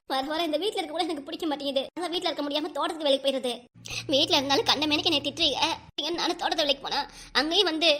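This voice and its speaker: A woman voicing a crying grandmother over sixty in a cartoon, scolding her husband rapidly, with a southern Tamil Nadu dialect. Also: high voice, pushed and bright. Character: upset old grandmother, wife over sixty. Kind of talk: cartoon voice acting.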